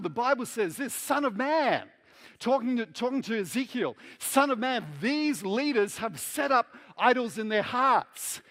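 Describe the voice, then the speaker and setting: A middle-aged man from New Zealand preaches a sermon in a fairly high voice. He repeats his phrases and keeps asking the congregation questions. He shifts from loud emphasis to quiet, hushed asides. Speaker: pastor.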